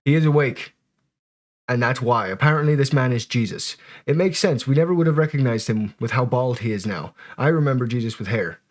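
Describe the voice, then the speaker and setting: A man delivers casual reaction commentary at a middling pitch. He sounds wry and joking, talking loosely to his viewers and dropping swear words as he goes. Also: fairly quick. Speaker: commentator reacting to bodycam footage.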